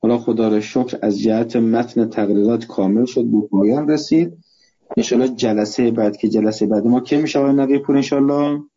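A man with a very dark, husky voice teaches a seminary class on a dull, lo-fi recording. He dictates notes word by word in a slow, deliberate way and repeats key phrases. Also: medium pitch, steady tone.

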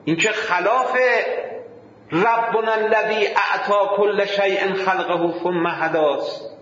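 A male preacher giving a sermon with storytelling. He stretches key words out slowly and recites Arabic verses. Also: high-pitched, fairly even intonation, fairly bright tone, a little hiss or hum. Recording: very echoey hall, muffled sound.

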